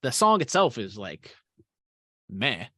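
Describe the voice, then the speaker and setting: A man co-hosting a casual podcast, talking loosely and swearing freely. His voice sits at an ordinary pitch and often fades out at the ends of his remarks. The recording is close and dry, with no room sound. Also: wildly swooping pitch, a little slow, bright, forceful tone, slightly rough, no echo. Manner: casual and profane, trailing off into mumbles. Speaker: podcast co-host. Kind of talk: casual chat.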